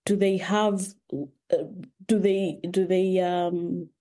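A woman's voice: lowish voice, steady tone, slow pace, mellow. A woman from Kenya, a guest in a conversational interview, talking thoughtfully with frequent restarts.

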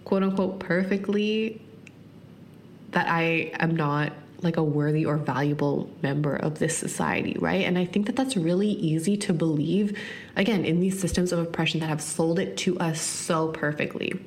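Earnest and reflective, this podcast host in her thirties talks alone, her low voice full of "like" fillers. She varies her speed, quickening and slowing for emphasis. A slight background noise is present.

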